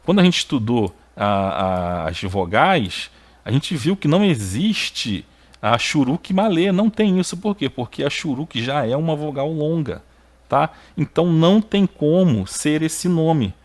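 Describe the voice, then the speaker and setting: Teaching biblical Hebrew by video, the man has a sing-song, unhurried delivery. Still emphatic, he checks in with brief tags, and his pitch rises sharply on points he stresses.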